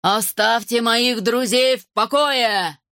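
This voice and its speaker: Storybook figure: a huge proud dragon, deep rumbling bass, played by a woman narrator. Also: moderate pace, a bit bright, no echo, studio quality. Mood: defiant. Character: huge male dragon, booming and boastful. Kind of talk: storybook reading.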